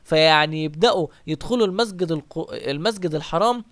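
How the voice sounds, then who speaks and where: Fast, high-voiced Egyptian man storyteller. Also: no room sound. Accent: Egyptian Arabic. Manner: animated, asks and answers his own questions. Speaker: religious storyteller. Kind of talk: retelling early Islamic history in colloquial speech.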